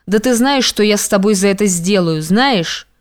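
A woman's voice: mid-range voice, lively intonation, normal speed, close to an everyday voice. A woman reading an audiobook, voicing a stern, domineering young man who speaks harshly and commandingly.

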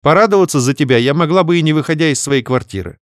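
A man's voice: on the high side, expressive, fast talker, dry recording, pitched above the performer's own voice, close to an everyday voice. Man doing a cranky worn-out young woman, snappy, lifted voice, dry. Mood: irritated. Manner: grumbling, snapping. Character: tired, grumpy young woman heroine.

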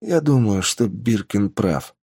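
A man voicing a calm male schemer who explains his plan in a steady, persuasive way, close to his own voice. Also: fairly low pitch, takes it slowly, slightly rough, no room sound, heavily acted.

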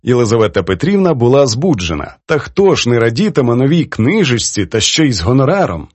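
A man narrating an audiobook with an expressive reading. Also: medium pitch, fairly quick, slightly rough, no echo. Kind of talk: scripted narration.

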